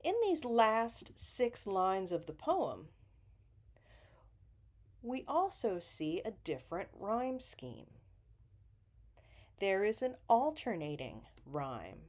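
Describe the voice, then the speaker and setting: Woman teacher, poetry lesson, slow, patient delivery, pitch that rises and falls widely. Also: sing-song, a little mellow. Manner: slow, patient, with deliberate emphasis.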